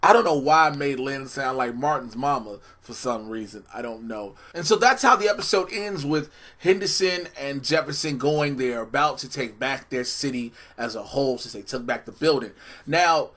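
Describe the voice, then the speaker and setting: A man recaps and reviews a TV episode in a loose, slangy way, stopping often to restart and add asides. His voice is bright and forward, at a mid pitch for a man. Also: animated, moderate pace. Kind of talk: casual review commentary.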